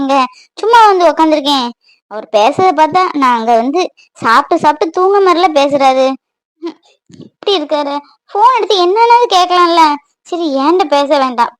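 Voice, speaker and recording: A woman's voice: extremely high pitch, no room sound. Woman voicing a pleading young mother. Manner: pleading, soft and emotional. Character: young married mother, tender and worried.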